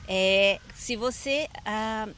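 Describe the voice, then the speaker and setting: A woman's voice: mid-range voice, very slow, fairly bright tone, slight background noise. Brazilian woman hosting a casual chat. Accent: Brazilian Portuguese. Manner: leads the talk by quizzing her guest. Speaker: host.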